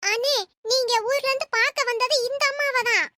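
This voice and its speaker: Woman doing a very high, bright, cheeky cartoon daughter-in-law, sly and chirpy, in a dry recording. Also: steady tone, no echo. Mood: sweet. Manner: chirpy, sly and quick-witted. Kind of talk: cartoon voice acting.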